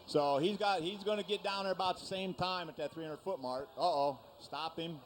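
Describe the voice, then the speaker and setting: A male tractor pull announcer with a voice a little on the high side. He talks the crowd through things in a folksy, conversational manner. There is light vehicle noise behind his commentary. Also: moderate pace. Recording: noisy event with engine rumble.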